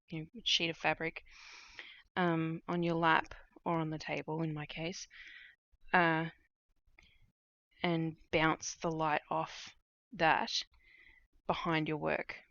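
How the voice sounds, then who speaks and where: A woman's voice: deep voice, creaky, no echo, highs cut off. A woman chatting casually on a live stream while she stitches at home at night, thinking aloud with lots of fillers, her voice getting a little worn. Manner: relaxed, unhurried, thinking aloud with many fillers. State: starting to lose her voice.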